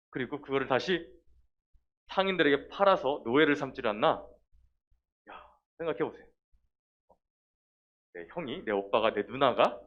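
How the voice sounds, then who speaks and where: A man preaching a children's sermon in a lively way, talking straight to the kids and acting out little scenes. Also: medium pitch. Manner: lively, talks directly to the children and acts out quotes. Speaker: children's pastor. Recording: dull lo-fi sound.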